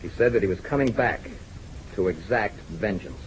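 A grave, serious airline owner in an old-time radio drama. His voice sits very low and he presses his point in a steady, insistent way. Faint hiss lies under the sound of an old radio broadcast. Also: moderate pace, low-quality recording. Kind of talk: 1940s radio drama acting.

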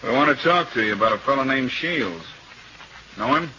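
An actor playing a blunt, suspicious small-town police detective who questions in a clipped, tough beat-cop manner, in 1940s radio crime drama style. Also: male voice, mid-range voice, expressive, normal speed, sharp tone. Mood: brusque. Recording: muffled, noisy old radio recording.

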